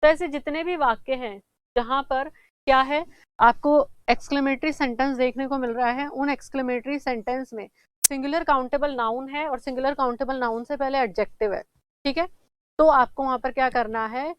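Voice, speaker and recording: A woman teaching English grammar in a classroom-style lesson, asking questions and answering them herself, repeating examples slowly. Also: sits high, fairly even intonation, clear, resonant tone, no echo, rough recording.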